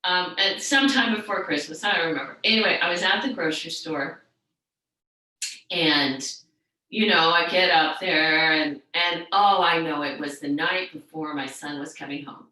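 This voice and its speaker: Woman yoga teacher, middle-aged, chatty and rambling, bright voice, far from the mic. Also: low-pitched, moderate pace. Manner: rambling, chatty storytelling with many restarts and fillers. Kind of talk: yoga class talk and guided relaxation. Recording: very echoey room, far from the mic.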